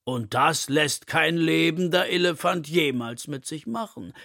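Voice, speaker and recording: A big, gentle elephant, as a man puts him on for a storybook, talking slowly and full of longing. The voice is a little gravelly and close, in a dry room. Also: on the high side, animated, no echo, pitched above the performer's own voice, full character voice. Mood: wistful. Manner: slow, longing, soft-spoken. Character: gentle, wistful male elephant, big and slow.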